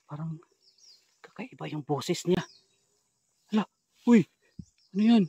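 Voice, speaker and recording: Male ghost-hunter vlogger, high voice, dry close sound, hushed asides then loud calls. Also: animated, a little slow, creaky, slightly rough, no room sound. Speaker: paranormal vlogger. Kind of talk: ghost-hunting vlog narration.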